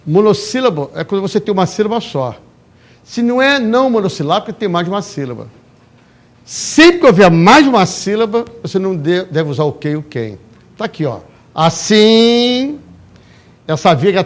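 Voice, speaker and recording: A man with a high voice leads a live grammar class in a classroom. He explains each rule step by step, stresses the key points and keeps checking that the class follows along. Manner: emphatic, explains step by step with frequent check-in questions. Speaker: Portuguese grammar teacher. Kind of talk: live exam-prep class lecture. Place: classroom, also streamed online.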